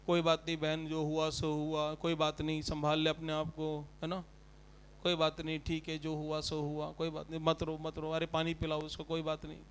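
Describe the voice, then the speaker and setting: A man voicing a fussy woman mourner who repeats soft, hushed words of comfort to grieving sisters. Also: fairly high pitch, monotone, moderate pace, a little hiss or hum, pitched below the performer's own voice, close to an everyday voice. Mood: soothing. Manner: soft, hushed, repetitive soothing.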